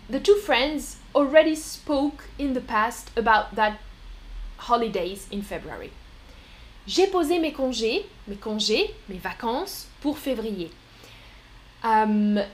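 French-accented woman teacher, high voice, slow and patient, live-stream lesson. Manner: patient, repeats and explains phrases slowly; reads viewers' chat comments aloud.

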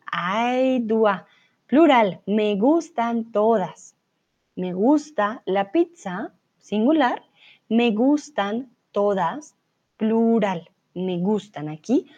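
Woman teacher doing a live spanish class, slow careful words for learners, dull lo-fi audio. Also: a little high, a little mellow. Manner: chatty, reads viewers' comments aloud. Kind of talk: live online lesson. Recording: slightly dull, lo-fi sound.

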